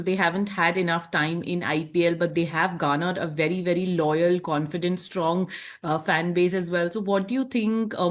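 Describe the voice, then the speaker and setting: A woman interviewer asking long, winding questions with fillers in a broadcast sports interview. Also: lowish voice. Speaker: interviewer, news anchor.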